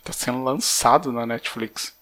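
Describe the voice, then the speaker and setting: A man in a relaxed podcast chat, talking casually with co-hosts. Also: mid-range voice, a little slow.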